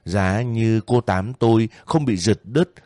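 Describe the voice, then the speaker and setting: A man narrating a first-person novel as an audiobook in a calm, steady manner. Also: lowish voice, takes it slowly, no room sound, studio quality.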